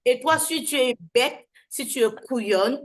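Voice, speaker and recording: A woman evangelist giving informal bible teaching, halting and repeating words, often checking in with "d'accord?". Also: sits high. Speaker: evangelist and host.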